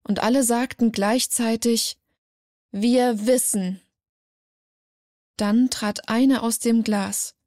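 A woman narrating a dark fantasy story in a measured, dramatic way. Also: on the high side, steady tone.

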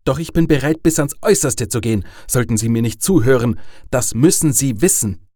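Man putting on a menacing caller, calm, measured, cold, dry close sound. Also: mid-range voice, dry recording, close to an everyday voice. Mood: threatening.

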